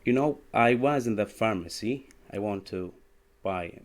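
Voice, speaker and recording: A man, speaking hesitant, halting English full of fillers while telling a story in an online group discussion over a video call. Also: fairly low pitch. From Iraq.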